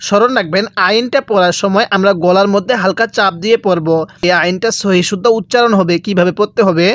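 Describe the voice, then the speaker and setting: A man's voice: high-pitched, fairly even intonation, fast, a bit bright, no room sound. A man teaching how to pronounce Arabic letters, patiently repeating each one and asking the viewer to say it back. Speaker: Quran reading teacher. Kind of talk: step-by-step recitation lesson.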